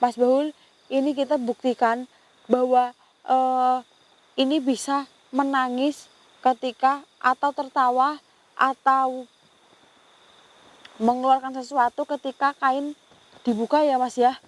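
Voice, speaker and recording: A woman's voice: sits high, flat delivery, slow, pauses often. A woman narrating a paranormal investigation on location, talking earnestly to a companion and often stopping to pray or exclaim in alarm. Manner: frequently addresses a companion directly. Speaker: ghost-hunting vlogger.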